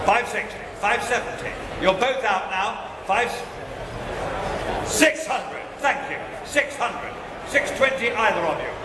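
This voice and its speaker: A man working as an auctioneer, calling bids in a quick rhythm with dry asides at a live auction. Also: very high-pitched. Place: large auction hall with a crowd. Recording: echoey hall from far off, audience noise.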